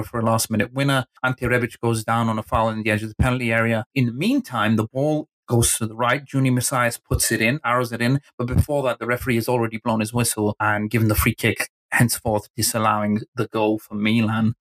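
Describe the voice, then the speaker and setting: Male podcast host, enthusiastic and chatty, mid pitch. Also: fairly even intonation, fast, hardly any pauses. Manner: chatty, enthusiastic, many restarts. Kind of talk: casual football podcast talk.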